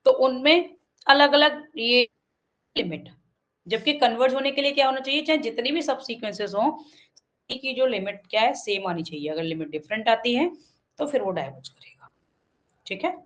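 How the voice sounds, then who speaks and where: A woman with an Indian accent teaching an online math class. She reads English lines slowly and explains them in Hindi, with many fillers and frequent checks of "okay". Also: a little high, animated, a bit bright, rough recording. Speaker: math tutor.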